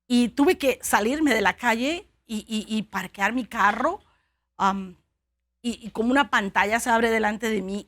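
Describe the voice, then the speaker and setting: A woman from Cuba preaching a sermon and telling a personal testimony, earnest and halting, with frequent restarts. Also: a little high.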